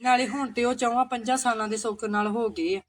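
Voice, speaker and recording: A woman's voice: on the high side, fairly even intonation, fast talker, a little hiss or hum, natural voice. A woman playing a poor village mother of twin sons who fusses over her sister-in-law and firmly refuses her. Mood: refusing. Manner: fussing, exclaiming, firm.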